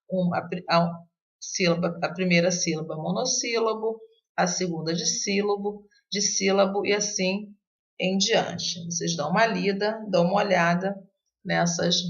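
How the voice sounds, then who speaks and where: Gravelly-voiced woman teaching literature. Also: mid-range voice. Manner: hesitant, many fillers and restarts. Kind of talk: recorded online lesson. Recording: dull lo-fi recording.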